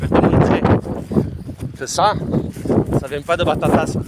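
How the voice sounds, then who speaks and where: A man's voice: on the high side, normal speed. A man from the Aveyron, chatting loosely and casually to the viewer while out hiking on a rural hillside. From Aveyron, France. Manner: chatty, loose, slangy, talks straight to the viewer. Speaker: vlogger. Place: outdoors on a windy rural hillside. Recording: loud wind noise on the mic outdoors.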